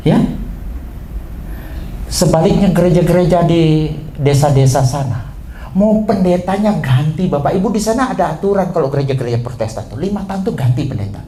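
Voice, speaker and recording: Male pastor. High, mellow voice, echoey church sound. Preaches with sudden rises and drops. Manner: swings from low asides to high emphatic outbursts. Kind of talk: sermon. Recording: echoey church hall, faint room noise.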